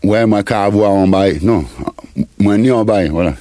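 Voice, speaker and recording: This fifties-aged musician guest from the Paris suburbs speaks at a normal speed in a fairly low, warm voice. He rambles casually through the interview, using slang and dropping in some Creole. The audio has studio quality and no echo.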